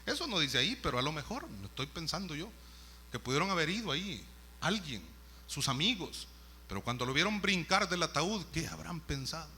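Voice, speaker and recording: A man's voice: a little high, brisk, slight background noise. A male preacher, delivering a storytelling sermon and acting out scenes. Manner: storytelling, animated, acts out scenes.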